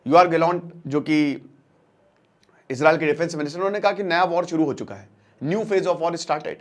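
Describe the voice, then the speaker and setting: Talking at a normal speed in a somewhat high voice, a current-affairs educator and channel presenter delivers a casual explainer lecture. He narrates like a storyteller with acted-out dialogue, speaks colloquially straight to his audience, and repeats phrases for emphasis.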